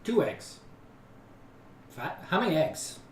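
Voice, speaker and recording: A man's voice: on the high side, big pitch swings, takes it slowly, a bit bright. A man playing a tabletop game, chatting casually as a player. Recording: echoey room, distant mic, faint noise.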